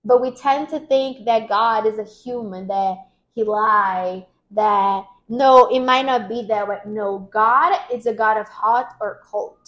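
A woman's voice: medium pitch, takes it slowly, fairly bright tone, muffled recording. A woman hosting a casual chat about faith, speaking earnestly and repeating her points like a preacher. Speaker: host.

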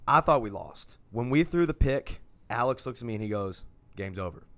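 A man co-hosting a casual podcast chat, swearing freely and telling lively stories. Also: medium pitch, moderate pace, no echo. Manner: profane, animated storyteller. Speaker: podcast co-host.

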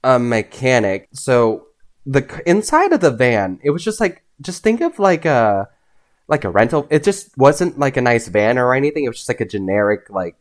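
A man's voice: mid-range voice, very animated, normal speed. A young man, a podcast guest, telling a long story in a loose, rambling way full of "like"s. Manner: rambling, lots of "like"s. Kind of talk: casual storytelling.

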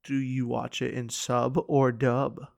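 A man's voice: mid-range voice, flat delivery, slow pace, vocal fry, a little mellow. A young man co-hosting a casual podcast, asking questions and reacting briefly. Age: young adult. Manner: asks questions, short reactions. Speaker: podcast co-host.

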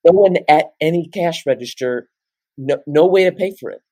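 A man in his late teens co-hosting a podcast, rambling through animated casual chat. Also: on the high side, normal speed, dry recording. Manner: rambling, animated, jumps into loud off-key singing. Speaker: podcast co-host.

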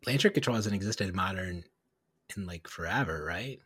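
A man with a low, slightly husky voice co-hosts a casual podcast chat. He talks in an animated way, full of quick asides and self-corrections. The sound is dry and close, with no room around it. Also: no room sound. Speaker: podcast co-host.

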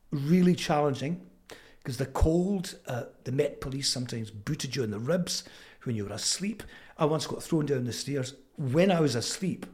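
A man in his seventies with a Fife Scottish accent, telling stories reflectively as an interview guest, halting and thoughtful with frequent pauses. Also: medium pitch, a little mellow. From Fife, Scotland. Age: 70s. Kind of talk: reflective conversational storytelling.

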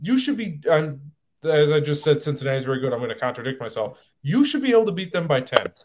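Male podcast host, higher-pitched, emphatic and animated in casual sports talk. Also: quick pace. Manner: animated, gets worked up and emphatic.

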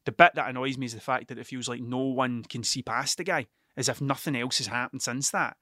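Sweary Scotsman with broad accent, bright voice. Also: mid-range voice, steady tone, a little fast, no echo, studio quality. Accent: broad Scottish, Ayrshire. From Scotland, Ayrshire. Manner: sweary, blunt, self-questioning. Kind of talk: casual rambling monologue.

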